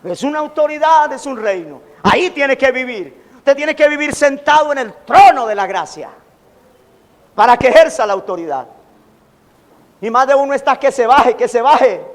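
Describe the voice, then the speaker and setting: Man, pastor, animated sermon, very high-pitched, long hall reverb. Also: normal speed. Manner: animated preaching, acting out quoted taunts.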